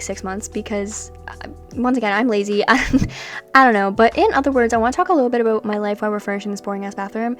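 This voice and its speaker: A young woman chatting casually over gameplay, rambling and self-deprecating, with frequent laughs. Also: a little high. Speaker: sims builder and video creator.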